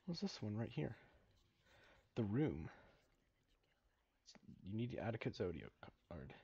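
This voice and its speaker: A man's voice: on the low side, very animated, slow, vocal fry, mellow, husky. A young man giving casual let's play commentary, musing aloud and cracking small jokes as he plays. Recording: dull lo-fi recording.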